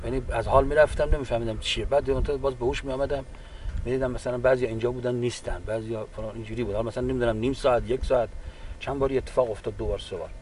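A man, a wounded war veteran, giving a halting, unhurried personal account with frequent restarts. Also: mid-range voice, steady tone, darkish tone, slight background noise. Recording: distant mic with faint background ambience.

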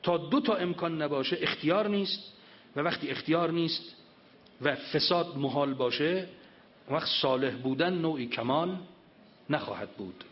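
A man's voice: fairly high pitch, animated. A man giving a religious lecture, reciting scripture and explaining it in an emphatic manner. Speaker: preacher. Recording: dull lo-fi recording.

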